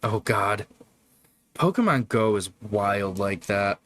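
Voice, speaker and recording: A man's voice: fairly low pitch, lively intonation, slow, fairly bright tone, no room sound. A man hosting a casual livestream, chatting with viewers in a rambling, profane way. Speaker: livestream host. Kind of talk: casual live-stream chat.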